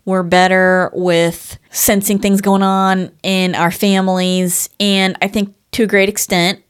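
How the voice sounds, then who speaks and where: A woman's voice: medium pitch, little pitch movement, unhurried, clear, resonant tone. A woman co-host talking in a conversational discussion style. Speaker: podcast co-host.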